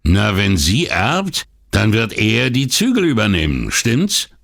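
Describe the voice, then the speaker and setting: A man's voice: on the low side, huge pitch swings, unhurried, vocal fry, fairly bright tone, voice pushed up, heavily acted. A man voicing a boastful, coarse older workman who gossips bluntly and is proud of himself. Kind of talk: audiobook dialogue reading.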